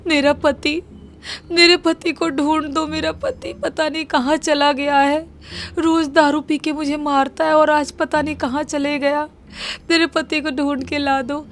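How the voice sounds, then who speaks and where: A woman's voice: sits high, flat delivery, a little slow, a little hiss or hum, voice pushed up. A woman voicing a tearful young wife who begs a stranger to help find her missing husband, told as a spoken horror story. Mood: pleading, tearful. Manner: tearful, pleading.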